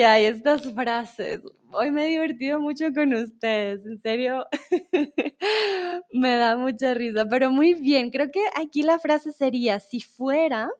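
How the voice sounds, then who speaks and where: Teaching Spanish in a live online session, a young woman with a rather high voice reads out comments from viewers. She's patient and encouraging, and she laughs frequently.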